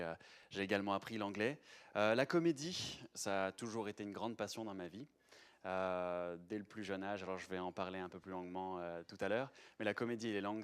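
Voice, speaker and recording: Giving a live talk in a lecture room, this young conference speaker has a low-leaning, clean-toned voice. His delivery is conversational, with frequent hesitations and false starts.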